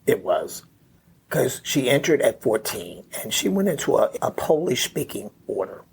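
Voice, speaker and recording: This podcast guest is a middle-aged memoir author recounting a family story conversationally, wandering as he goes and punctuating remarks with "right?" and "you know." He's mid-range and very animated, gravelly, at a moderate pace. Slight background noise is audible.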